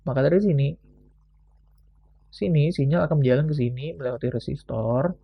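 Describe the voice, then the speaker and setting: A man's voice: mid-range voice, fairly quick, vocal fry, breathy edge, lo-fi sound. A young man from Indonesia giving a casual explanatory lesson as a student presenter, thinking aloud with frequent fillers.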